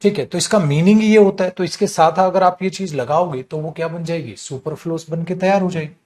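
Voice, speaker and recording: A man's voice: on the high side, fairly quick, darkish tone. A man teaching an online class on English usage in Hindi. He explains patiently, addresses the students fondly, and repeats wrong phrases with mock emphasis to correct them.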